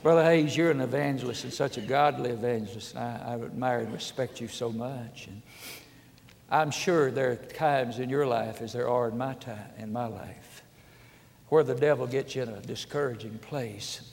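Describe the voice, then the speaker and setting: A man, preaching a folksy storytelling sermon that swings from hushed asides to loud shouts. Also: mid-range voice, normal speed, vocal fry. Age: 70s. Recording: reverberant hall.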